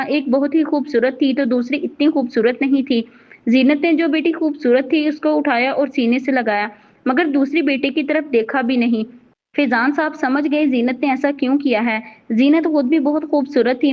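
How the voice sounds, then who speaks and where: A woman narrating a novel in a steady, even storytelling voice. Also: sits high. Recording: dull lo-fi recording.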